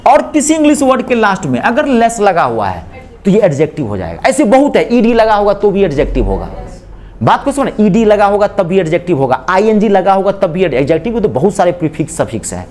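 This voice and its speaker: A man's voice: sits high, big pitch swings, brisk, darkish tone. A man teaching a classroom English grammar lecture, drilling students with repeated questions and slipping English phrases into his explanations. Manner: mixes spoken English phrases into Hindi explanations.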